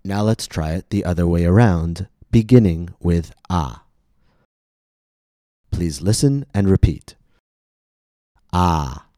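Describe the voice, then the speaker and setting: A man with a standard American accent giving scripted pronunciation instruction, enunciating carefully and deliberately as a podcast teacher. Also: low voice, animated, warm tone, dry recording, clean studio sound.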